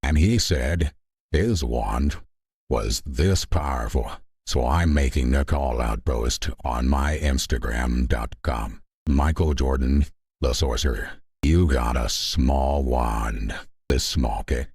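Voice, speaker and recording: A man voicing a boastful, outraged sorcerer in an improvised comedy skit, making bombastic announcements in a gravelly, rough voice. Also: rumbling low, slow pace, darkish tone, no echo, studio quality, pitched below the performer's own voice, full character voice. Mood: indignant. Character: ranting boastful male sorcerer villain, comically outraged.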